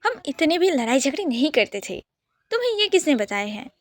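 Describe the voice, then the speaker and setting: A woman voicing a teasing, protective young brother who scolds loudly in mock outrage, in a storybook reading. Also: high-pitched, big pitch swings, fairly quick. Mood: teasing, mock-indignant.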